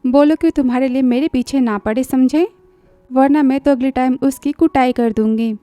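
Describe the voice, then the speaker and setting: A feisty, sharp-tongued young wife, as a woman narrator plays her in a drama recap. Her voice is high and soft-toned, and her manner is teasing and defiant. The sound is dry, with faint music underneath. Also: moderate pace, no room sound, natural voice.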